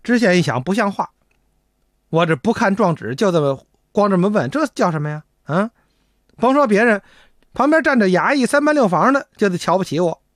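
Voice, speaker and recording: A male storyteller spins a traditional comic tale and keeps turning to the listeners. His pitch moves in lively swings. The voice sounds close and dry, with no echo. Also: a little fast. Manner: animated, chatty, addresses listeners directly.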